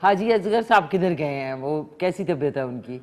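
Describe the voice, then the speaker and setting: A woman's voice: low-pitched, expressive, normal speed, darkish tone. Chatty Pakistani woman hosting a call-in show. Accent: Pakistani Urdu. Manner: chatty, mixing English phrases. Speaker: morning show host taking calls. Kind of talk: live call-in talk show chat.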